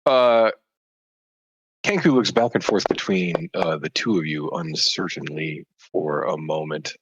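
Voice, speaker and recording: A man's voice: deep voice, a little slow, muffled recording, slight background noise. A man narrating a tabletop role-playing game as game master, hesitant with many fillers.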